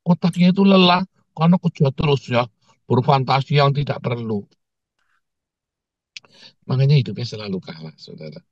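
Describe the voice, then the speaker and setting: Joking pastor, dry sound. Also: male voice, medium pitch, no room sound, dull audio. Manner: animated storyteller, jokes and laughs, keeps addressing listeners as brethren. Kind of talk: conversational sermon.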